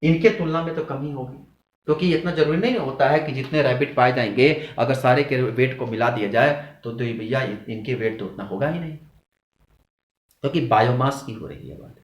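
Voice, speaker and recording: Man, teacher, mid pitch, quizzing his class, animated emphasis, echoey room. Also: fairly quick. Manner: asks students questions and answers them himself; animated, rises and drops in pitch to stress points. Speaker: zoology teacher. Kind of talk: classroom lecture.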